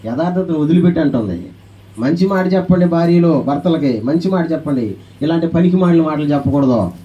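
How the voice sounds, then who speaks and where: A man preaching a sermon as pastor, animated, calling on the congregation to answer aloud and acting out quoted voices. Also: on the high side, fairly quick, distant mic, muffled recording.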